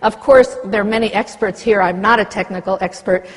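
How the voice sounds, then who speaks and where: A woman's voice: medium pitch, steady tone, fairly quick, breathy edge. Impassioned older woman speaking in a reverberant hall. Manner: impassioned, reads treaty text aloud with asides. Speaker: conference speaker. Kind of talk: conference speech. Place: conference hall. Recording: lecture hall with long reverb.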